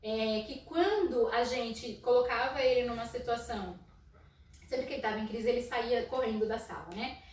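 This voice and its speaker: A Brazilian woman, a psychologist, talking casually about school inclusion in her naturally loud voice. She tells stories and keeps tagging her sentences with "né?". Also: on the high side, moderate pace. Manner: storytelling with frequent "né?" tags and soft laughs. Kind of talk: casual educational talk. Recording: echoey room, mic at a distance.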